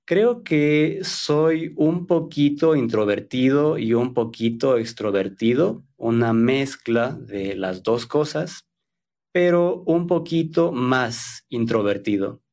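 Slow-speaking man in his thirties from Ecuador. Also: mid-range voice, lively intonation, a little mellow. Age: 30s. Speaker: Spanish teacher, interview guest. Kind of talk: slow, careful conversation for learners.

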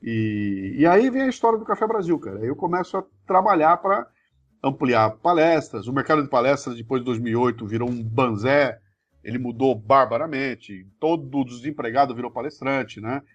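A middle-aged man with a Brazilian Portuguese accent, a podcast creator telling his story in a casual, slangy, animated interview. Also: mid-range voice, normal speed, lo-fi sound, faint music behind.

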